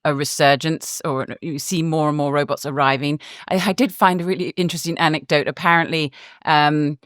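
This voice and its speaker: A woman with a low voice, fairly even intonation, a slightly fast pace, and a fairly bright tone, recorded in clean studio sound with no room noise. She's a guest reporter explaining things in a casual podcast chat, chatty and laughing easily, with lots of fillers and restarts.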